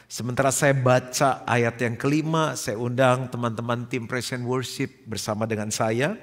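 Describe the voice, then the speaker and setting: A man in his forties with an Indonesian accent preaches to his congregation, telling stories with lively acted-out dialogue and then dropping to quiet, emphatic points. His voice sits at a middle pitch and carries a long reverb from a large church hall. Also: moderate pace. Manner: animated storytelling, acting out dialogue, dropping to soft emphasis. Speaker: pastor. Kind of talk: sermon.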